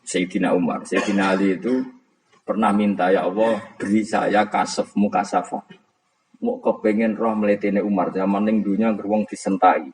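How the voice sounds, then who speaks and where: A man giving a religious lecture, humorous and chuckling, often quizzing his audience. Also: fairly low pitch. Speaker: Islamic preacher.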